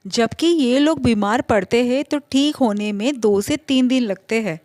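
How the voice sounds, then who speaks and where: A woman narrates a family story in the first person, talking conversationally and stumbling now and then. Her voice sits fairly high, and the recording is close and dry. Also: unhurried, darkish tone, no echo. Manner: conversational, with small slips.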